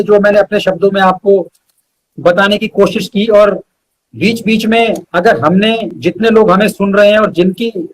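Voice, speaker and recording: A high-voiced man appears as a guest poet in a live interview, reciting verse and then explaining it. He is emphatic and repeats lines on purpose, and the recording quality is low.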